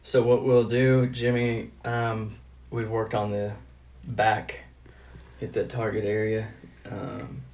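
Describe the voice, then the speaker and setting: A man working as a therapist, casually explaining a treatment with halting, hesitant phrasing. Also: lowish voice, flat delivery, a little mellow. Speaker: cupping therapist. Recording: roomy, distant mic, noisy background.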